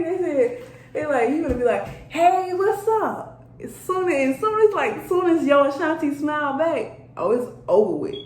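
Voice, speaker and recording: Her slightly high, slightly mellow voice carries a casual tarot reading aimed right at her viewers. This energy reader is blunt, chatty and swears freely, and the room echoes with a little background noise underneath.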